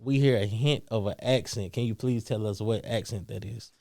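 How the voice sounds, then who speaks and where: A man hosting a podcast, casually interviewing a guest in relaxed, slangy speech. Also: fairly low pitch, moderate pace, creaky, no echo, clean studio sound. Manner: laid-back, slangy American speech. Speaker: podcast host.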